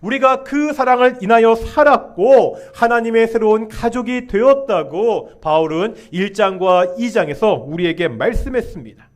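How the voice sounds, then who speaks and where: A male pastor delivering a Sunday sermon in a church. His voice sits high for a man, and he calls on the congregation to answer and repeat after him. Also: expressive, normal speed, few pauses. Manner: leads the congregation in call-and-response. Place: church sanctuary.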